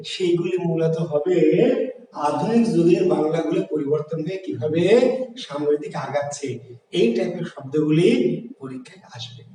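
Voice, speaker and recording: A man's voice: a little high, warm tone. A man from Bangladesh, teaching an exam-prep lesson, asking rhetorical questions and repeating key words. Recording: echoey room, voice from far off.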